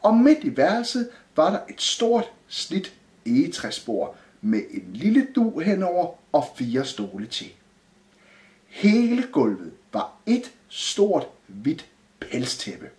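A man reading a children's Christmas story aloud in a lively storytelling manner. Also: a little high. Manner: lively, sing-song storytelling. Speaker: narrator. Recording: roomy echo.

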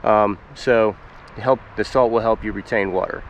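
Kneeling outdoors in the woods in spring, a Pennsylvania man in his forties talks through his gear for his foraging channel. His fairly low voice moves at a normal speed, though the recording is muffled with a little hiss or hum. The tone stays relaxed and conversational, with plain explanations and filler words.

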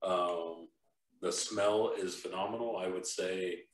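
A podcast host with a low, steady voice speaks slowly through a casual whiskey-tasting chat. He is laid-back and rambling, with lots of fillers, and the recording sounds roomy and distant.

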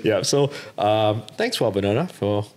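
A man's voice: on the low side, animated, a little slow, a little mellow. A young man from Singapore hosting a podcast, chatting casually and agreeing often with his guest. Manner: agreeable, affirming with short backchannels. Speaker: podcast host. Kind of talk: casual chat.

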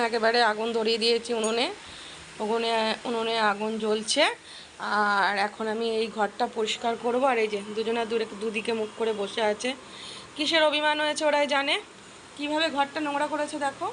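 Woman vlogger, high voice, bright tone, chatty and coaxing, faint background noise. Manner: coaxing, chatty, repeats herself. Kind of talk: casual vlog narration. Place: home and yard with wood stove.

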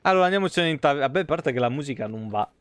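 A man with a slightly high, expressive voice talks fast on a casual livestream, reading game lore aloud in slangy, foul-mouthed language. There's no echo, and soft tavern guitar music plays underneath his voice.

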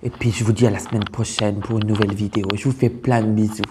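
A man's voice: fairly low pitch, little pitch movement, fast, background noise, close to an everyday voice. A man playing a brash, crude female farmer with a Burgundian accent in a comic sketch. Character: brash middle-aged female farmer from the countryside. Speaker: taste-tester.

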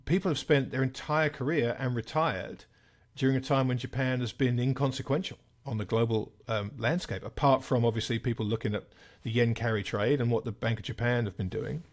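Measured man in his sixties, thoughtful. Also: mid-range voice, steady tone. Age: 60s. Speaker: guest. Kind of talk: conversational interview.

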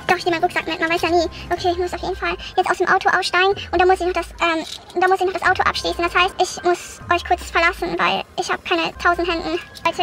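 A young woman vlogging to camera in a car and outdoors at night, anxious and often addressing her viewers, with her voice sped up and squeaky. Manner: anxious, keeps calling the viewers "Leute". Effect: sped up, squeaky high pitch. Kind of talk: horror challenge vlog to camera. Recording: background music under the voice.

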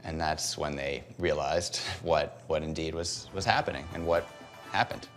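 A man's voice: very deep voice, unhurried, loud music behind the voice. A young man, a journalist giving a thoughtful interview, with restarts, in a room with bookshelves.

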